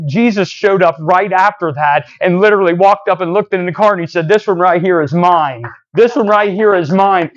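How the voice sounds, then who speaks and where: A man's voice: high-pitched, dull audio. A man preaching a sermon, telling a long story in a rambling way, often saying "so anyways" and acting out what people said. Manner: rambling, repeats "so anyways" and restarts, acts out quoted dialogue. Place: church.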